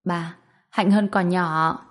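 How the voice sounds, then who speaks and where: A woman's voice: on the low side, steady tone, slow. A woman voicing an indulgent young mother who soothes and placates, in an audio story. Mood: placating.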